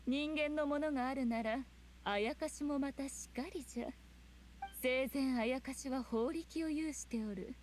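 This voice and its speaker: A woman's voice: sits high, a little slow, a little mellow, slight background noise. An actress playing a regal, teasing female fox spirit in a video game, haughty and composed, with archaic noble phrasing. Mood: composed explaining.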